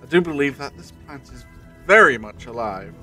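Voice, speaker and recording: A man playing a confident, sly, eccentric time traveller in an audio drama, speaking theatrically and deliberately with old-fashioned turns of phrase. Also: medium pitch, animated, sharp tone, soft background music. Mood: intrigued.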